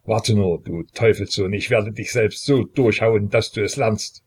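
A man voicing a furious, domineering Russian tsar who shouts commands. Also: fairly low pitch, steady tone, unhurried, slightly rough.

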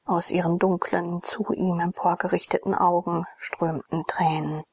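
A woman narrating a classic novel as a whispered audiobook reading, in a soft, slow, half-whispered storytelling manner. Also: lowish voice, level tone, breathy edge, no echo.

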